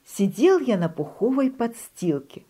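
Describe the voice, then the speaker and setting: A lost little duckling, as a woman reading the tale puts it on, whimpers in a thin, squeaky, very high voice. Its pitch leaps and swoops with every frightened plea. It is the timid, tearful baby of a children's storybook. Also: big pitch swings, measured pace, warm tone, slightly rough, heavily acted. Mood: pleading.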